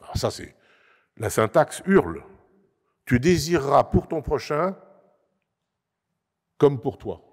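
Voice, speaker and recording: A man's voice: mid-range voice, big pitch swings, slow, pauses often. A man giving an explanatory talk at a conference panel, emphatic, with frequent hesitations and restarts. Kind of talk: lecture-style talk to an audience. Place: assembly hall. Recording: long reverb of a large hall.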